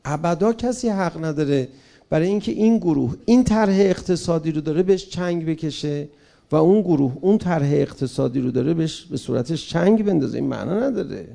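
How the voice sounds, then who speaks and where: Man, public speech, impassioned, rhetorical questions to the audience, loud bursts and low asides, gravelly voice. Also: animated. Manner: rhetorical, addresses listeners with direct questions. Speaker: public speaker.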